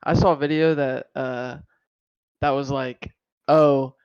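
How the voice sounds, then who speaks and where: A man in his twenties from Florida, co-hosting a casual podcast and telling stories in an animated, slangy way. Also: medium pitch, slow pace, smooth, no echo, highs cut off. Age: 20s. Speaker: podcast co-host.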